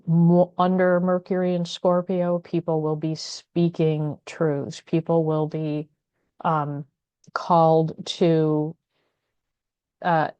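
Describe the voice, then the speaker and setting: Soft-toned woman giving astrology guidance. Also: low voice, smooth, no echo. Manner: thoughtful, many fillers and restarts, asks "right?". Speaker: astrology video host. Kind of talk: casual spoken astrology guidance.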